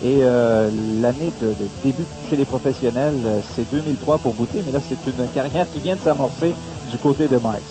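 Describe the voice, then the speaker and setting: A man's voice: medium pitch, a little fast, hardly any pauses, music in the background. A man with a Quebec French accent giving conversational play-by-play boxing commentary. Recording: noisy broadcast with hiss.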